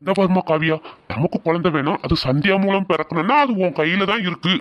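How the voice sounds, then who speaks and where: A man's voice: sits high, a little fast, a bit bright, highs cut off. A man playing a husband who coaxes and then scolds his tearful wife. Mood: coaxing. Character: coaxing, impatient husband, middle-aged-sounding.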